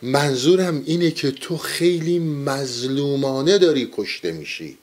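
A man's voice: mid-range voice, expressive, close to an everyday voice. A man voicing a blunt, impatient wife who scolds and complains. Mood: scolding.

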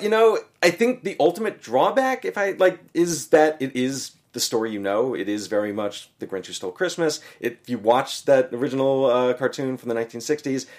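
A young man guests on a casual film podcast at a middle pitch. He talks haltingly and fills his sentences with small stalling words. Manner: halting, many fillers like "like" and "uh".

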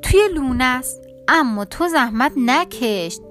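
A woman voicing a clever, cheeky male mouse in a children's storybook, calling out quickly in a playful voice. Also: sits high, expressive, soft background music. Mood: sly. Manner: quick, shouting, playful tricks.

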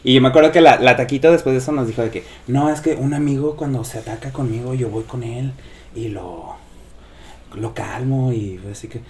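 This podcast co-host passes along gossip in a relaxed chat, voicing the people he quotes like an animated storyteller. His pitch is medium, his pace fairly quick, and slight background noise is present.

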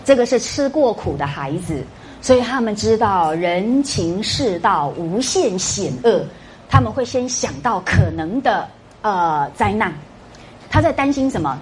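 A woman's voice: medium pitch, animated, measured pace, a little hiss or hum. A middle-aged woman giving a classroom lecture, quizzing her students with rhetorical questions and tag particles. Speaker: university lecturer.

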